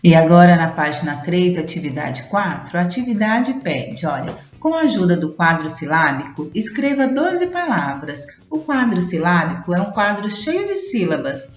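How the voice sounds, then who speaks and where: A woman's voice: on the low side, sing-song, normal speed, hardly any pauses. A woman teaching young children, stretching out syllables in a sing-song way. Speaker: primary school teacher. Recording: roomy, dull sound with soft music.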